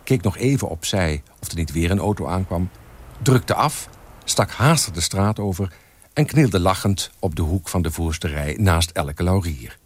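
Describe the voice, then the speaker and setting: A man reading aloud from a novel in an expressive, lively way. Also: low-pitched, unhurried, breathy edge.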